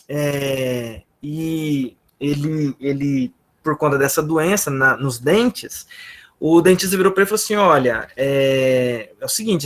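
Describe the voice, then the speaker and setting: A man with a Brazilian accent teaching a Sunday Bible class, telling a story with acted-out dialogue and asides to the class. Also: fairly high pitch. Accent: Brazilian Portuguese. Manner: animated storyteller, acts out dialogue, frequent "né?" and "gente". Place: church classroom.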